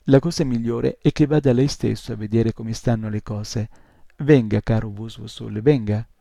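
A man's voice: medium pitch, fairly even intonation, moderate pace, vocal fry, dark tone, dry recording. A man playing a tiny smug creature messenger. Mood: polite, earnest. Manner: polite, chirping, a bit self-important.

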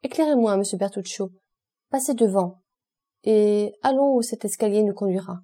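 A cool, ironic aristocratic count giving orders with dry mockery, as a woman reads him in a storybook. The voice is mellow and softly breathy, calm and imperious, never hurried. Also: mid-range voice, close to an everyday voice. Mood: cool commanding.

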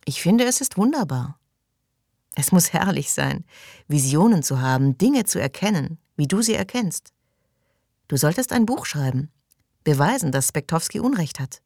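Needy, impatient young woman, read by a woman, pleading, low voice, dry studio sound. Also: sing-song, moderate pace, vocal fry, a little mellow, no echo, exaggerated voice. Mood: gushing. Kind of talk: audiobook reading.

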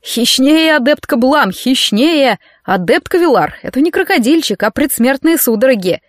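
A woman reading an audiobook, voicing a mocking, sharp-tongued male necromancer teacher. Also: high voice, lively intonation, moderate pace, no echo, clean studio sound, pitched above the performer's own voice. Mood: scolding.

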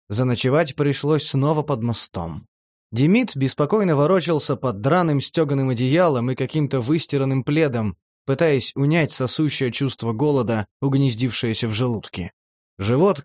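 A man narrating a horror audiobook in a measured, even storytelling way. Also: mid-range voice, no echo, clean studio sound.

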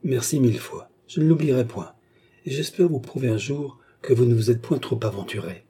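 A scheming English baronet, given voice by a male reader speaks with smooth, assured courtesy. His tone is deep and dark, with a husky edge. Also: expressive, fairly quick. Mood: persuasive. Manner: courteous, persuasive, self-assured.

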